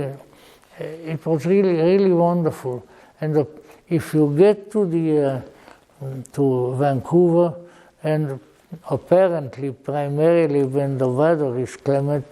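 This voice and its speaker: An elderly man speaks with a Hungarian accent in a mellow voice that sits a little high for a man. He reminisces to listeners slowly and deliberately, often halting. His wording is formal and old-fashioned, with a dry sense of humour. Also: poor audio. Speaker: lecturer. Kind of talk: informal rambling reminiscence to an audience.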